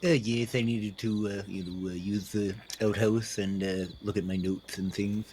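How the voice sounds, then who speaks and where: Prim, formal man with a low voice. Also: fairly even intonation, normal speed, a little mellow, slight background noise. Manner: prim and formal, mild old-fashioned exclamations. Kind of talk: in-character roleplay chat.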